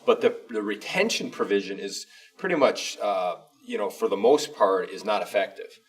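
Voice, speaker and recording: A school superintendent co-hosting a district show speaks in an informal panel discussion, his fairly low voice animated and at normal speed. He explains things emphatically but rambles. The mic sounds distant.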